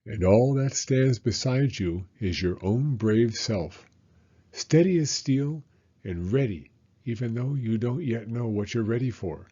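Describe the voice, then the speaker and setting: A man acting as a story time host reads a children's picture book aloud, narrating expressively and without hurry. His voice is medium-pitched and husky, and the audio is dull.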